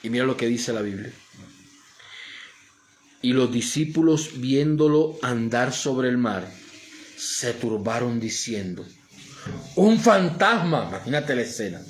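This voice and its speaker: A man's voice: mid-range voice, measured pace, pauses often. A male pastor preaching a sermon, with a Colombian Spanish accent, building emphatic swells and posing questions he answers himself. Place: church.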